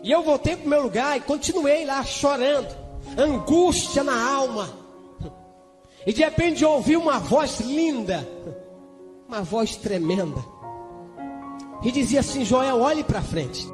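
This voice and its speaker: High-voiced Brazilian preacher in a reverberant church. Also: male voice, animated, a little slow, long pauses, soft background music. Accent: Brazilian Portuguese. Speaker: preacher giving a testimony. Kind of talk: church testimony.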